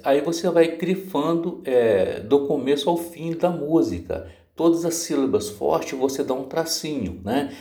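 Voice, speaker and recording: A man's voice: mid-range voice, warm tone. A man teaching guitar by ear in a casual lesson, patient, with frequent filler words and off-key singing of chord names. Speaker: music teacher. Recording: roomy sound with guitar playing.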